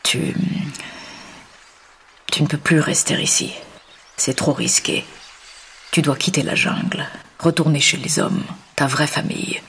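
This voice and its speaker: A man voicing a wise, protective panther who counsels softly, often half-whispered. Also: on the high side, steady tone, unhurried, creaky, pauses often, slight background noise. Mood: gentle.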